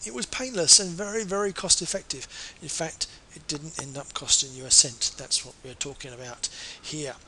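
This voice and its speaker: Guy doing an earnest sales pitch, bright forward voice, bit of hum in the back. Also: normal speed, few pauses, poor audio. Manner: earnest, persuasive, self-correcting. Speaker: marketing consultant.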